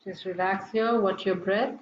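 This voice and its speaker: A woman instructing a yoga breathing class in a gentle, soothing, unhurried murmur, guiding people to relax. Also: medium pitch, steady tone. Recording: echoey room, dull lo-fi, faint noise.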